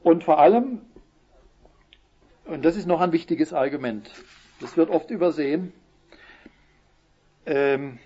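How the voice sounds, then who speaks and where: A man giving a Bible teaching talk, who explains verses and reads the quotes slowly with emphasis. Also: fairly high pitch, warm tone, husky. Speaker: preacher. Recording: muffled lo-fi recording.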